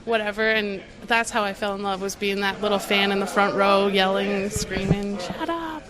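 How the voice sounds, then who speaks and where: A woman's voice: medium pitch, monotone, moderate pace, a crowd in the background. A young woman, a pro wrestler being interviewed, answering casually and laughing often. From Canada.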